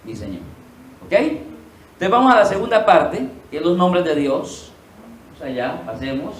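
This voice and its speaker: This pastor's voice sits a little high and has a sing-song quality, moving at a measured pace against slight background noise. He teaches his sermon by asking the congregation questions he then answers, stressing key words through repetition. Heard from afar, he's captured in a reverberant room with a faint ambient backdrop.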